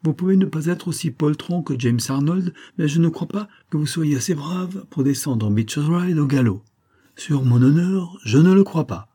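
A man's voice: mid-range voice, moderate pace, mellow, slightly rough, lightly acted. A man voicing a scheming army major who talks in a cool, taunting way. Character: scheming, mocking adult male major.

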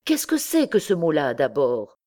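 A man's voice: on the high side, huge pitch swings, a little slow, warm tone. A woman reading the part of an irritated, proud medieval male poet who grumbles and complains theatrically. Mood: grumbling.

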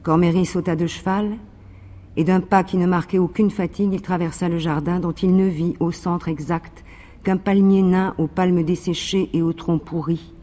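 A man's voice: high voice, long reverb tail. Man reading a novel aloud. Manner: measured, even narration. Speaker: reader. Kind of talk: literary reading.

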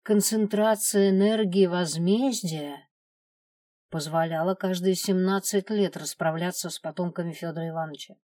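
An insistent young woman storyteller, as a woman reads her out for an audiobook. She speaks louder than the narration in a low, mellow voice, explaining firmly. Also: fairly even intonation, moderate pace, no room sound, studio quality, recorded from a distance, close to an everyday voice. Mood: assured.

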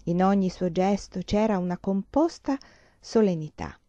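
Mellow woman reading a novel aloud. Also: mid-range voice, expressive, moderate pace, no echo. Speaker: audiobook reader. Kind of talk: literary audiobook narration. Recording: slightly dull lo-fi recording.

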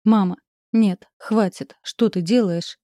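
A woman's voice: mid-range voice, steady tone, moderate pace, dark tone, no room sound, studio quality, lightly acted. A woman reading the part of a tearful, pleading middle-aged mother in an audiobook.

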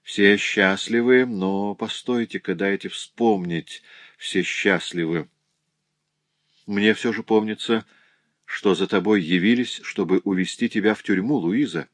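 Man voicing a dazed old father, halting quiet voice, lowish, dry audiobook sound. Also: no room sound, lightly acted. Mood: wondering. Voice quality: quiet, faltering, broken.

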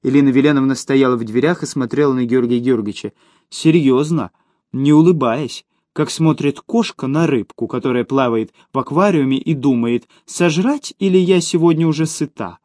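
A man reading audiobook narration in a measured, expressive way. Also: medium pitch, no room sound, studio quality.

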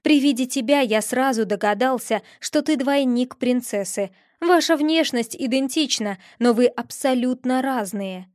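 A woman's voice: high-pitched, a little slow, few pauses, a little mellow, no room sound, clean studio sound. A woman reading an audiobook, voicing an ardent, pushy young male prince with heated insistence. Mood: menacing. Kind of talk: audiobook character voice.

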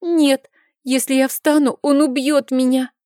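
A scared, sickly little boy's voice, put on by a woman reading an audiobook, pitched well above her own and thin. He whines, pleads and pushes back stubbornly, his words coming out shrill and tearful. The sound is close and dry. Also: measured pace, warm tone, no room sound, close to an everyday voice. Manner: whiny, pleading, high and shrill. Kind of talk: audiobook character voice.

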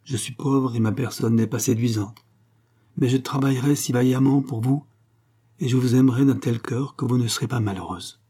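A man reading a novel aloud and voicing a poor, gentle young clerk who speaks earnestly and tenderly. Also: mid-range voice, normal speed, husky, lightly acted. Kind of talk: audiobook reading.

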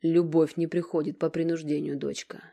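Woman doing a tired middle-aged dad, gentle, low husky voice. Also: normal speed. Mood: pleading. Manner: calm, sighing, gentle. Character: solid middle-aged father, weary and pleading.

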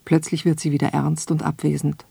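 A woman reading her own radio essay in a slow, measured, reflective way. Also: sits low, little pitch movement, creaky, warm tone, husky, no echo. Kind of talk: scripted radio essay narration.

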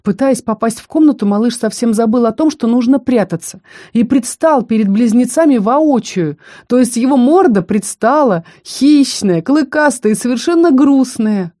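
Warm-voiced woman narrating an audiobook. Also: fairly high pitch, normal speed, no room sound, clean studio sound. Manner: expressive storytelling. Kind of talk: scripted first-person narration.

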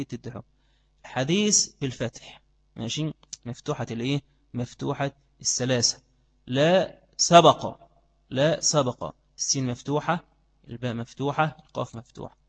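A man with an Egyptian accent teaching Islamic law in a classroom lecture, quizzing his students with repeated questions and then answering them himself. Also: fairly high pitch. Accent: Egyptian Arabic. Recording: long reverb of a hall.

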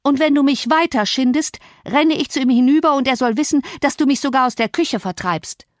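A woman reading an audiobook, voicing a sullen, rough young man who talks gruffly and curses, in a dry recording. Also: high-pitched, fairly quick, no room sound, voice pushed up, close to an everyday voice. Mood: surly. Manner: gruff, cursing, defiant. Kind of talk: audiobook character voice.

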